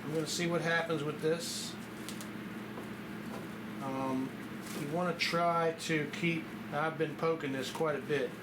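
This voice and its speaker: A man giving a casual hands-on demonstration, thinking aloud in a halting way as he works with his hands. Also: on the high side. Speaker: vlogger demonstrating a DIY fix. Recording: echoey room, clear background noise, stock mic.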